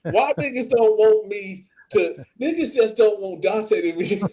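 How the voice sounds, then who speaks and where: A man from Flint, Michigan, a guest streamer who tells lively, slangy stories and laughs often. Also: high-pitched, unhurried, poor audio. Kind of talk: animated storytelling in a podcast chat.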